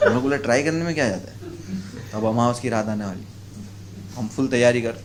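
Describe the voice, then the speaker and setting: A man doing a stand-up comedy routine, telling a story in a lively, loud way with sudden jumps in pitch. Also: brisk. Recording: loud background noise with clicks.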